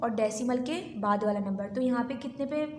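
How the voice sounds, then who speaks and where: A woman's voice: a little high, fairly quick, a little mellow, reverberant, a little hiss or hum. A woman maths teacher explaining a lesson step by step, patiently counting numbers aloud and checking in often. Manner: patient, repeats counts aloud, frequent "theek hai".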